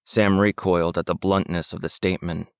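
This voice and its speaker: A man narrating a supernatural mystery audiobook in a calm, even storytelling manner. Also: low voice, brisk, clear, resonant tone, dry recording, studio quality. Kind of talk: scripted narration.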